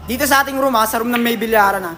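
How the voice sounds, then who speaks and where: A man's voice: very high voice, rapid-fire, bright, forceful tone. A man with a Filipino accent hosting a casual livestream, reading out viewer comments in a jokey, teasing way and laughing often. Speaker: livestream host at a billiards hall.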